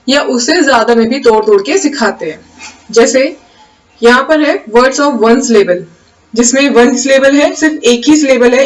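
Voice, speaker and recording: A woman teacher with an Indian accent, explaining grammar slowly in a lesson, putting an English rule and then restating it in Hindi with questions to the class. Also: fairly high pitch, far from the mic, rough recording.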